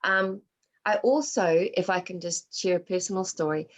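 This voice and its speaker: Speaking at normal speed in a lowish voice, this Australian-raised woman runs a workshop over video call, fielding questions. She sounds reflective and personal, weaving Māori words into her English.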